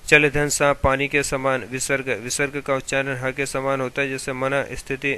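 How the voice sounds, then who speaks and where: A man teaching Hindi grammar, reading steadily from textbook notes in an even tone. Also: mid-range voice, moderate pace, smooth.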